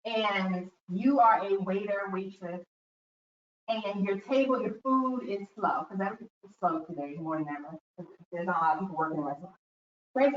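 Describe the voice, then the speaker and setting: A woman giving a talk to students, telling stories and acting out quotes as she goes. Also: on the high side. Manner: animated storytelling with acted-out quotes. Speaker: guest speaker. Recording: echoey room, distant mic, dull sound.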